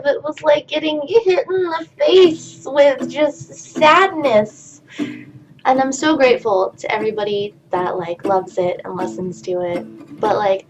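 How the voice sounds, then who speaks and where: A woman in the punk scene rambles through a casual vlog, earnest and grateful, her sentences full of fillers and restarts. Her voice sits at a middling pitch. The recording is muffled and lo-fi, with faint music underneath. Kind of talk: casual year-in-review vlog talk. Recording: dull lo-fi sound with faint background music. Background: faint background music.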